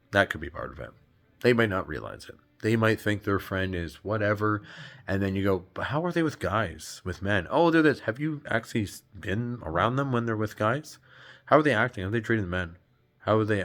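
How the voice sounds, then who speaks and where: Low-voiced man, rambling and exasperated monologue, salty language. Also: a bit bright. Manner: rambling, exasperated, swears, acts out quoted women. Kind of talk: casual spiritual rant.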